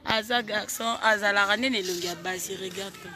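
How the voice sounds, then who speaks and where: A woman, hosting a live video from an orphanage, chattily greeting viewers one by one with lively exclamations. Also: medium pitch, moderate pace. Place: orphanage, among children. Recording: loud crowd chatter behind.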